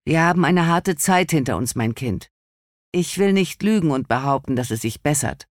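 A man's voice: a little high, expressive, normal speed, no room sound, clean studio sound, lightly acted. A male narrator voicing a stern, worried mother who speaks firmly and insistently to her daughter, in a storybook reading. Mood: earnest, urgent. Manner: firm, insistent.

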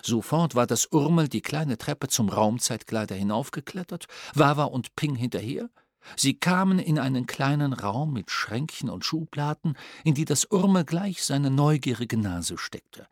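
A man reading a children's storybook aloud in an expressive, playful manner. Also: medium pitch, moderate pace, no echo, clean studio sound. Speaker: audiobook narrator. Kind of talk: storybook narration.

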